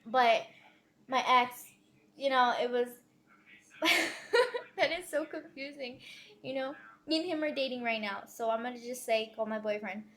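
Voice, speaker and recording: A pregnant teenage girl talks straight to her viewers in a casual confessional vlog. Her voice sits a little high, and she rambles quickly, piling up fillers and correcting herself as she goes. The delivery is loose and unpolished, like talking to friends. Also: steady tone, a bit bright. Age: teens. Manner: rambling, fast, many fillers and self-corrections. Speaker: vlogger telling her pregnancy story.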